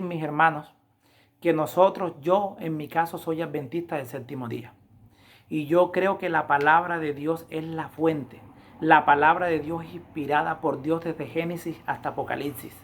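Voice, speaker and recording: A woman preaching a Bible lesson review, with emphatic, repetitive appeals to her listeners, slowing down to read scripture. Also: fairly low pitch. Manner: slows down to read scripture aloud. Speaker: Adventist Bible lesson teacher.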